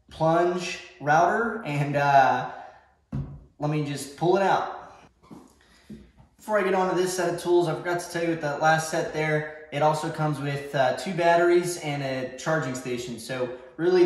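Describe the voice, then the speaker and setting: Brief: young guy, slightly high voice, rambling woodshop tour talk, heavy garage echo. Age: young adult. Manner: rambling, filler-heavy, self-correcting. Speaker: woodworking vlogger. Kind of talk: casual shop tour talk. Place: large home garage workshop. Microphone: far camera. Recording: echoey garage.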